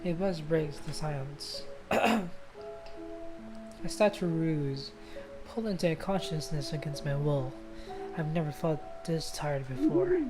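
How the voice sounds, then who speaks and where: A game streamer with a low-sitting voice reads visual novel narration aloud on her livestream, mixing in offhand remarks and occasional stumbles, all under loud game music.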